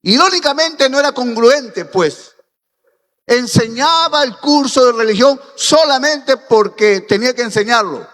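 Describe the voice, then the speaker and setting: A male pastor preaching with a high, lively voice, pitching each phrase up and down as he drives his points home. He speaks slowly and deliberately, building to emphatic peaks. The sound carries a long reverberation from a church hall. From Peru. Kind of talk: sermon.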